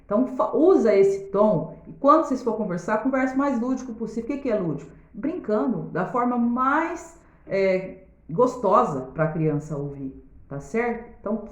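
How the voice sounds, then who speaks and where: A woman with a Brazilian Portuguese accent, a pedagogue giving parenting tips in a casual video, talking straight to viewers and often checking in with them. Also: mid-range voice. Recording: roomy, slightly dull sound.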